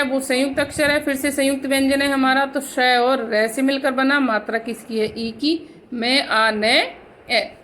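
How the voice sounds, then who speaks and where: A woman's voice: high voice, fairly bright tone, a little hiss or hum, rough recording. A woman teaching a Hindi grammar lesson. She explains each point step by step, asks her pupils questions and then answers them herself, and calls them "beta.". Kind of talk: recorded online class lesson.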